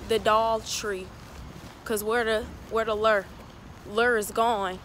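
A young woman vlogs casually into a phone held at arm's length, first in a car and then in a small room, playful and teasing as she chats to the camera. Her fairly high voice is a bit bright and steady in tone, her pace slow, with a little hiss or hum on the recording.

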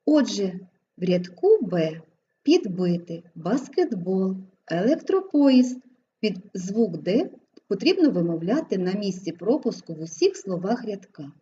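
A woman teaching an exam-prep grammar lesson, slowly sounding out each example word with careful enunciation. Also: mid-range voice, very animated, mellow. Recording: slightly dull, lo-fi recording with faint background noise.

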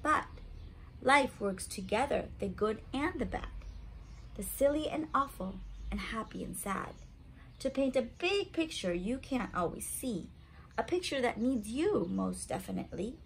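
Here the recording is rough, with a little hiss or hum, and her fairly high voice comes out creaky and unhurried. She's a woman in her thirties doing story time for young children at home in a small room, speaking simply and expressively as if to a child and posing questions.

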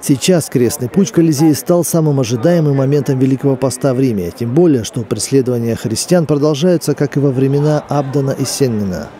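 Fast-talking man with a dark voice-over tone. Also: medium pitch. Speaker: dubbing voice-over. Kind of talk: quick voice-over translation.

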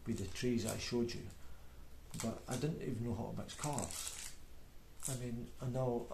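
Sitting at a table indoors, a beginner painter in his forties records a video diary, chatting in a broad Scottish accent that is rambling, hesitant and self-deprecating. His gravelly, medium-pitched voice moves at normal speed; an off-camera mic catches room echo, background noise and clicks.

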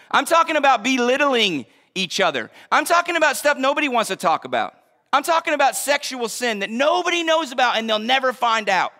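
High, bright-voiced preaching pastor. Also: male voice. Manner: emphatic preaching, shouts and drops to a hush. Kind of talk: sermon. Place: church sanctuary.

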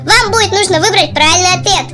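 Casting: childlike cartoon dog, very high and cheeky, playful exclamations, loud music underneath. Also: quick pace. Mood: eager. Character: cheeky, boastful young talking husky dog, cartoon pet. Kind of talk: scripted cartoon dog voice-over.

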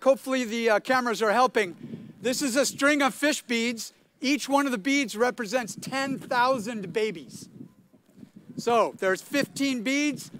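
Speaking in a very high, slightly bright voice, an older man gives a playful speech at an outdoor stadium commencement, quizzing the crowd from a podium mic. Slight background noise can be heard.

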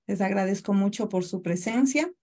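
A woman's voice: medium pitch, moderate pace, warm tone. Ecuadorian woman in her thirties, courteous webinar presenter on a video call mic. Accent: Ecuadorian Spanish. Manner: courteous, greets attendees by name, explanatory. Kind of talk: online presentation.

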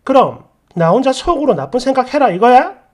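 A woman reading out a hurt wife, exasperated and accusing, pressing her husband for answers with a raised voice. Her pitch swings widely and lively as she argues. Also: fairly quick. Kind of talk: storytelling with acted dialogue.

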